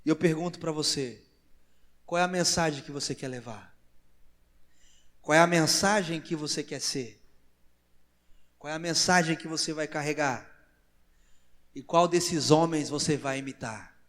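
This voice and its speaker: A man with a Brazilian Portuguese accent preaching a sermon as pastor, in slow emphatic phrases that rise to loud exclamations. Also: fairly high pitch. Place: large church hall. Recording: church hall with long reverb.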